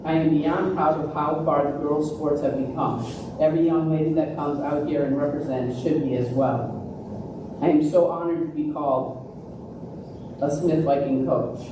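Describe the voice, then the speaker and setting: A woman's voice: low-pitched, steady tone, moderate pace. Female coach at an awards podium, earnest delivery, heavy room echo, background noise. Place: large echoey room at a live ceremony. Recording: echoey hall, distant mic, noisy.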